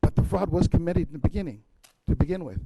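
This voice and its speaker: A man's voice: on the high side, expressive, fast talker, creaky, background noise. A man speaking bluntly and emphatically at a city council meeting, repeating his point.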